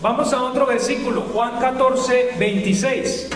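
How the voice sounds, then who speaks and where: A man's voice: extremely high pitch, steady tone, moderate pace. A man preaching a Bible doctrine lesson to a church, asking the congregation questions and answering them himself. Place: church hall. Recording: echoey hall, mic far off.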